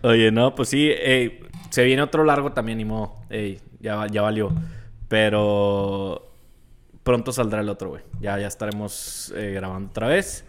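Slangy Mexican man, slightly low voice. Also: fairly even intonation, normal speed, smooth. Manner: slangy, profane, interjecting. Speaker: podcast co-host. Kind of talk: casual podcast chat.

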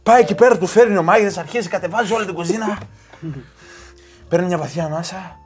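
A man's voice: sits high, over music. A young man in casual chat, telling a joke and laughing through the punchlines.

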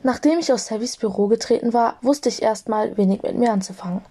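A young woman narrating a fan audiobook in a lively storytelling manner. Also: a little high, brisk.

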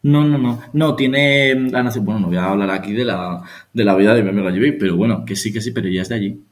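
A man's voice: on the low side, fast talker. A young man, co-hosting a casual podcast with teasing, joking banter. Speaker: podcast co-host. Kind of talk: casual chat.

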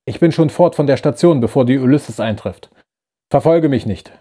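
A man's voice: medium pitch, moderate pace, warm tone, breathy edge, lightly acted. A man voicing a bitter rebel who betrayed his old friend, talking in an urgent, reproachful way in a science-fiction audiobook. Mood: hurried. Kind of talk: audiobook character voice.

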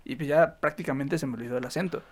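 Fast-talking man from Chihuahua, raised voice, casual podcast chat, piles on fillers. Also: on the high side. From Mexico, Chihuahua. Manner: rapid, talkative, lots of "o sea" fillers. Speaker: podcast co-host or guest.

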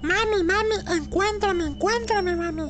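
A woman's voice: very high-pitched, unhurried. A woman voicing a demon posing as a small boy, calling in a singsong, mocking way. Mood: taunting. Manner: singsong, taunting child's calls. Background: music.

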